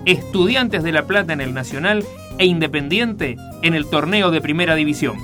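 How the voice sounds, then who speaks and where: Argentine man, scripted documentary narration, high-pitched voice, faint music underneath. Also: normal speed. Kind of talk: scripted narration of a year in review.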